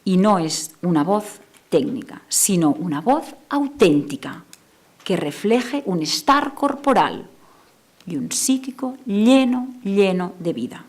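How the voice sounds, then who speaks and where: A woman speech therapist, Catalan native, giving a conference talk, moving between a soft lowered voice and emphatic bursts. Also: sing-song, takes it slowly. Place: lecture hall.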